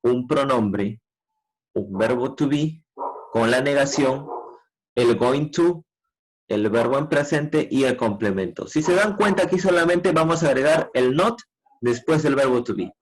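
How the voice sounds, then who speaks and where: A man teaching a grade-school English lesson, patiently explaining grammar and modeling English sentences slowly. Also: medium pitch, lively intonation, slight background noise, rough recording. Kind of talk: online class explanation.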